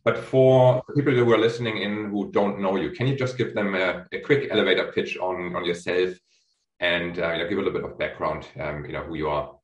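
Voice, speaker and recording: A man's voice: sits low, steady tone, brisk. A man hosting a business interview, asking long questions with many fillers and restarts. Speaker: host, chief executive of a research firm. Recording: echoey room.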